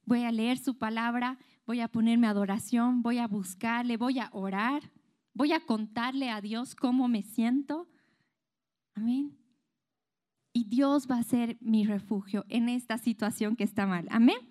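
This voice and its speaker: A woman's voice: fairly high pitch, a little slow, a little mellow. A young woman, giving a conversational youth sermon, asking the group questions and acting out inner voices. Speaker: youth speaker.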